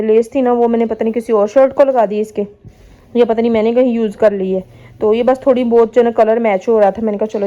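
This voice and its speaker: A woman's voice: fairly high pitch, dark tone, highs cut off. Chatty woman vlogging at home. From Pakistan. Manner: chatty, addresses viewers as sisters, coos to her children. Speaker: family vlogger. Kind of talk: casual home vlog talk to viewers. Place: home kitchen and rooms.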